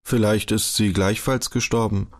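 A man reading an audiobook, voicing a gentle, hesitant male tutor who answers softly. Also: lowish voice, fairly even intonation, moderate pace, close to an everyday voice. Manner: soft, hesitant replies.

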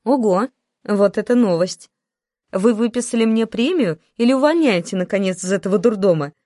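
A woman's voice: mid-range voice, lively intonation, normal speed, dark tone, dry recording, studio quality, lightly acted. Woman voicing a pleading, sarcastic office heroine. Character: wry, pleading office-worker heroine, a wife and mother.

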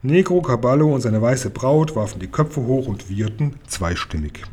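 A man reading a children's story aloud in a lively, characterful way. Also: mid-range voice, normal speed, husky. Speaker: audiobook reader. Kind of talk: storytelling narration.

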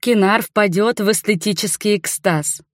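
A woman reading an audiobook and voicing a lively, bossy young woman who scolds and teases in a high, loud voice. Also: moderate pace, no room sound, studio quality, natural voice. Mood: teasing.

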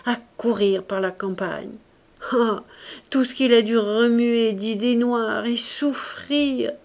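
A woman with a mid-range voice reads a classic novel aloud as an audiobook reader, using measured, expressive scripted narration.

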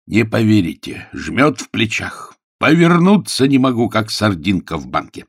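A man voicing a sly, wheedling young male golf rival who speaks with a smooth, mocking manner, read in a dry, close recording. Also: lowish voice, sing-song, moderate pace, dry recording, pitched above the performer's own voice, heavily acted.

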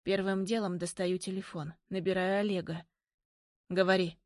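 A woman narrating a first-person audiobook in an expressive, intimate way. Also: mid-range voice, normal speed, no echo, studio quality.

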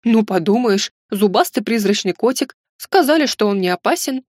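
A woman voicing a flustered, frightened young noblewoman who speaks in high, anxious exclamations. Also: animated, normal speed, a little mellow, no echo, clean studio sound, close to an everyday voice.

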